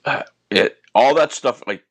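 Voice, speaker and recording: A man from Scotia, co-hosting a casual podcast with animated, opinionated rants full of restarts. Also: medium pitch, a little slow, no room sound. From Nova Scotia, Canada. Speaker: podcast co-host.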